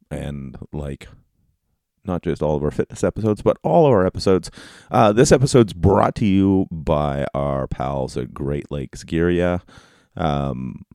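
Very deep, gravelly man podcasting. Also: mellow, no echo, studio quality. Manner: informal, rambling, halting. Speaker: podcast host. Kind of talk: casual solo podcast talk. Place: basement office at home. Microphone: close podcast microphone.

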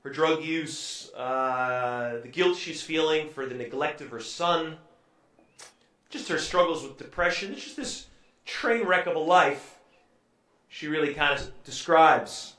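Preaching in a relaxed, conversational way, a pastor retells a story, his speech dotted with ums and uhs. His slightly high voice is bright and forceful at a measured pace. He sounds far from the mic in an echoey room.

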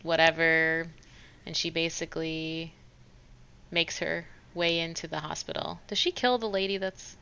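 A woman co-host with a low, gravelly voice that still cuts through sharply, recapping a film in loose, chatty asides. The recording is dull and lo-fi. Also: fairly even intonation, measured pace, bright, forceful tone. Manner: chatty, retells scenes with lots of "like". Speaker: podcast co-host. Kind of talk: casual chat recapping a movie. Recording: dull lo-fi sound.

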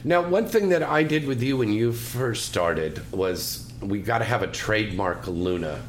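A woman's voice: very deep voice, animated, a little slow, slight background noise. A woman interviewing a guest in a casual, teasing chat.

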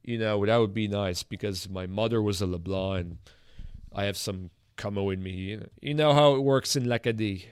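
A man with an Acadian French Canadian accent, hosting a casual bilingual interview in an informal, halting way. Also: lowish voice, clean tone, dry recording, clean studio sound. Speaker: host.

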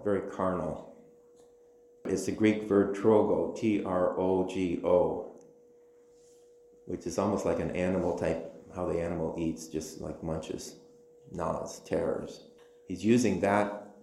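A man teaching a Bible lesson in a measured, emphatic way, quoting scripture aloud. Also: sits low, dark tone, reverberant.

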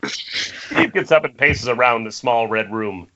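A man narrates screenplay directions for a table read in a medium-pitched, sing-song voice, speaking a little slowly. He is recorded on a remote video-call microphone, so the internet call sounds muffled with faint noise.

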